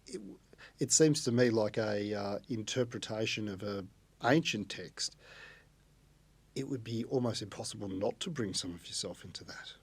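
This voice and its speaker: A man's voice: on the low side, normal speed, slightly rough. A man hosting a podcast interview, pressing his guest with probing, challenging questions. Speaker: podcast host.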